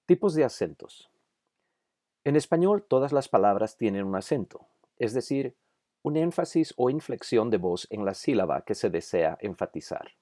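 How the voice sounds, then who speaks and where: A man's voice: lowish voice, mellow, no echo, clean studio sound. A man narrating a scripted grammar lesson for Bible institute students, carefully over-articulating each example word.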